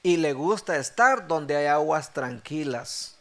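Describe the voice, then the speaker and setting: A middle-aged man preaching a sermon as pastor, acting out the dialogue with animated delivery. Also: fairly high pitch, slow.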